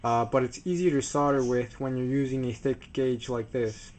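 Here a man gives a practical DIY tutorial, his delivery casual and halting, with frequent self-corrections. He speaks at a medium pitch in a steady, darkish tone.

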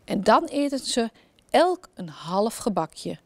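A woman from the Netherlands telling a children's story in a gentle, expressive way. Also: fairly high pitch, takes it slowly, no echo.

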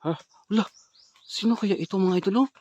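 A man vlogging as a ghost hunter outdoors in a forest, nervously calling out questions and dropping between hushed muttering and loud calls. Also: high voice, a little fast, no echo, dull audio. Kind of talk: paranormal exploration vlog.

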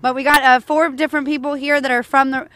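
A woman's voice: high voice, flat delivery, fast, a bit bright, no echo. A woman doing a chatty, upbeat live TV field report outdoors and interviewing fans. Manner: upbeat, chatty, asks questions. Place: outdoors at a stadium area.

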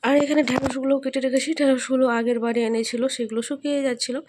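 A young woman with a sore, hoarse throat, chatting casually through her cooking voice-over. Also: high voice, steady tone, rapid-fire, noisy background. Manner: rambling, homely, talks to viewers as friends. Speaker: cooking vlogger.

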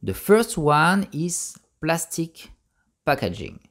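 A narrator reading a scripted voice-over in a measured way, with small grammar slips. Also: mid-range voice, very animated, fairly bright tone.

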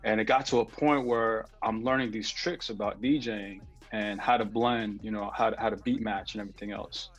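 A man's voice: on the low side, steady tone, normal speed, few pauses. A man, a music producer chatting loosely on a video call, rambling with lots of fillers and slang. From New York. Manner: laid-back, rambling, slangy, with many fillers. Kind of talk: casual interview on a video call.

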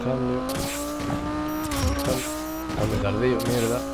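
Excitable, foul-mouthed Spanish man gaming. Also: medium pitch, slow pace, vocal fry, loud music behind the voice. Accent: Spain Spanish. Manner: excitable, swears loudly at the game. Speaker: gamer. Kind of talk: gameplay commentary.

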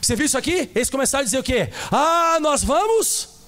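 A man's voice: very high-pitched, fairly quick. A man with a Brazilian Portuguese accent, a pastor preaching a sermon at a church service and firing questions at the congregation. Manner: animated preaching, quizzing the congregation.

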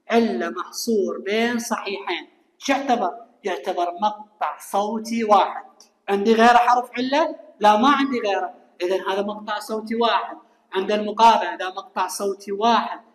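A man with an Iraqi accent teaching an English lesson. He asks his students questions, answers them himself, and draws out key words slowly. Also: sits high. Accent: Iraqi Arabic. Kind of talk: classroom lesson explanation. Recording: echoey room with long reverb.

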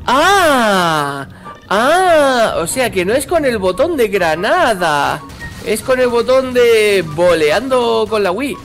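A man's voice: high-pitched, sing-song, slow, fairly bright tone, faint music behind. A man giving gaming commentary, shrieking and swearing at every in-game mishap. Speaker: gaming YouTuber.

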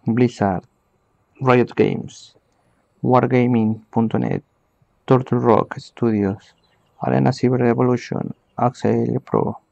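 A man calling a live esports match from home, giving hurried play-by-play and talking to his viewers. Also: medium pitch, level tone, gravelly, warm tone, no room sound, highs cut off. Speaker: esports caster. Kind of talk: live game commentary.

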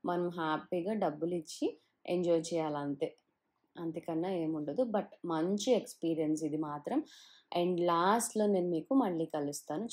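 A woman with a low, mellow voice talks through a walking tour on her phone. Her delivery is chatty and loose, sprinkled with English words and drawn-out "ahh"s. She is outdoors by a river. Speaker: travel vlogger. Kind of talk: casual walking-tour narration. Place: outdoors along a riverside town walk.

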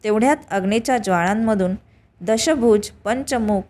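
A woman telling a devotional tale as scripted narration, reading evenly in short, measured phrases. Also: mid-range voice, darkish tone. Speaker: storyteller.

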